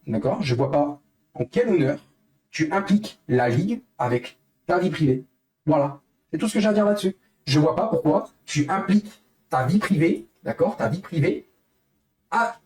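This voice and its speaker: Young male streamer, upset and venting to viewers, voice sits a bit high. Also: a little mellow. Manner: heated, repetitive, addresses chat as guys. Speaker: livestreamer. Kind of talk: angry live stream rant to chat.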